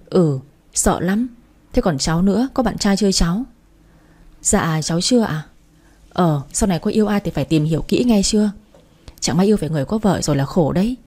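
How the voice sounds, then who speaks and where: A woman reading the part of a stern, scheming older mother-in-law who lectures and warns, in a dark, mellow voice. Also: lowish voice, animated, a little fast, pauses often. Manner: lecturing, warning tone.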